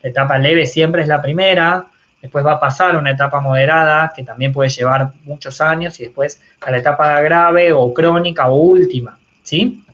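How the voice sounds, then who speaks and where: A man's voice: on the high side, fairly even intonation, normal speed, a bit bright. A man with a Rioplatense accent teaching a university class online in a conversational way, often checking in with his students. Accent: Rioplatense Spanish. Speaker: university lecturer. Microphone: video call. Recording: muffled video call audio.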